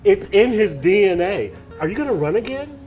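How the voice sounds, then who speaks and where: A man's voice: sits high, big pitch swings, moderate pace, a little mellow, faint music behind. A man hosting a casual interview, joking and teasing his guest, laughing often. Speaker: interviewer host. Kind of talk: casual chat.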